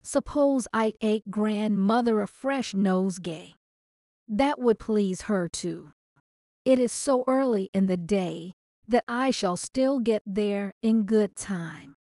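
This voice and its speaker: A woman's voice: mid-range voice, slow, dark tone, dry recording, studio quality. A woman voicing an innocent, trusting little girl in a storybook reading, with a childlike, earnest tone. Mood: eager.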